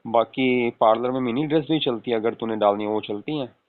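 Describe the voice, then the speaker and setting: A man plays an affectionate young husband in an acted, casual late-night phone call with his spouse, coaxing and persuading while often asking for agreement with tag questions. His medium-pitched voice is a little fast and close to everyday speech, and the audio is tinny with room echo.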